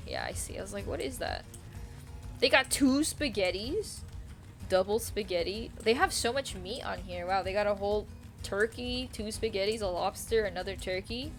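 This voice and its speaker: Young woman streamer rambling n giggling over faint game music, swears a bit. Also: medium pitch. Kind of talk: casual game stream chat.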